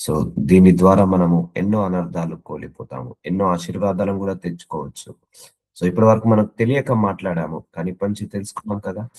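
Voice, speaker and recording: A man delivers a sermon in a somewhat low voice. He exhorts his listeners earnestly and builds his points through chains of repeated phrases. He also reads out scripture verses. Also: a little fast, mellow, breathy edge. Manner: repeats phrases in rhythmic lists, quotes scripture. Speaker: preacher.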